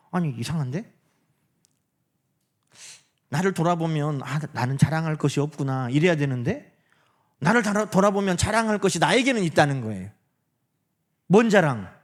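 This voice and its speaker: Man preaching, swinging loud to hushed. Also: high-pitched. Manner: preaching with rhetorical questions to the congregation; swings from loud emphasis to hushed near-whispers. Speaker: pastor. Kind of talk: sermon.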